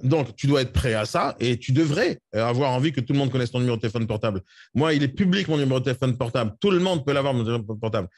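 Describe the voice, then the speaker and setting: Fast-talking blunt man coaching. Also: mid-range voice, lively intonation, a little mellow, no room sound, studio quality. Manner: blunt, scolding, rapid-fire. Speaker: real estate coach. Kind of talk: live coaching session.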